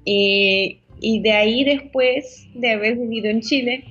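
Husky woman chatting about accents. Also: fairly high pitch, unhurried, highs cut off, soft background music. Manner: lively, laughs often, playful imitations. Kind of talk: casual chat about Spanish accents.

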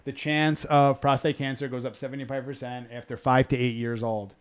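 A man's voice: mid-range voice, level tone, a little fast, crowd noise. A man hosting a live dog-training Q&A podcast, talking frankly in a rambling, self-interrupting way. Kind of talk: casual live Q&A chat.

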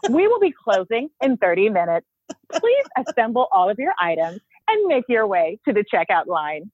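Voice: mid-range voice, normal speed, breathy edge, no echo. A speaker putting on a supermarket announcement voice. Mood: polite. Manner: supermarket announcement, almost robotic but animated. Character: polite store loudspeaker announcer. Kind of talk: imitated store announcement within casual chat. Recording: tinny dry phone line.

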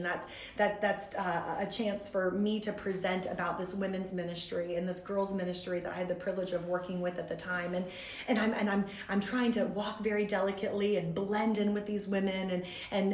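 A woman guest in a conversation, telling a story in an animated, self-mocking way and laughing often. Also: medium pitch, roomy sound. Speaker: guest speaker from a women's ministry.

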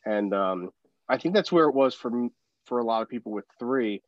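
A man's voice: medium pitch, animated, moderate pace, no room sound. Guy rambling about movies w lots of ums, kinda muffled dry sound. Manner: rambling, many restarts and fillers. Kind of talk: casual film discussion.

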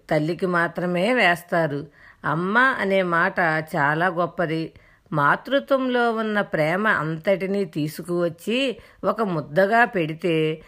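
A woman's voice: lowish voice, a bit bright. A woman giving an earnest, explanatory devotional discourse, retelling a scripture story with quoted dialogue. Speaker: spiritual storyteller.

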